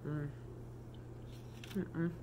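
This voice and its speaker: A woman vlogger with a sick, rough voice, chatting casually and eagerly at home and thinking out loud. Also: very slow. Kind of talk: casual vlog chat. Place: home kitchen. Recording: noisy home recording.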